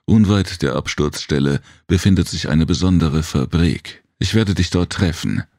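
A masked alien guardian, voiced by a male narrator, very deep and gravelly. He gives measured, emotionless warnings with no feeling showing. The sound is dry and close. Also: lively intonation, darkish tone, dry recording. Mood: cryptic. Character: masked alien protector, cryptic, calm. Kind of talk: audiobook character voice.

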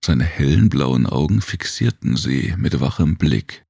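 A man's voice: rumbling low, animated, unhurried, gravelly, mellow, slightly rough, dry recording, clean studio sound. A man reading a science fiction story as an audiobook narrator.

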